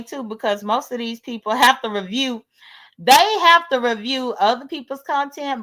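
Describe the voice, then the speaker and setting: Here the host's voice runs high and a bit bright. She's an American woman in her late thirties, chatting on her livestream about what annoys her, sassy and blunt, cursing without restraint.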